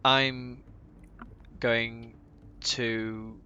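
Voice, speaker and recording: Excitable male player with a bright, sharp tone, casual table talk. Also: mid-range voice, very slow, muffled recording, slight background noise. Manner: excitable, swears and laughs often. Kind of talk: casual game chat.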